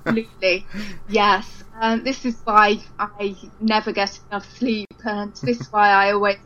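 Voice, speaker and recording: A woman's voice: medium pitch, level tone, moderate pace, fairly bright tone, faint music behind. A woman speaking as a guest over a phone line that fades in and out, chatty and frank, laughing easily. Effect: dull phone line that fades in and out. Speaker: musician guest. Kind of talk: phone interview. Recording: muffled phone call.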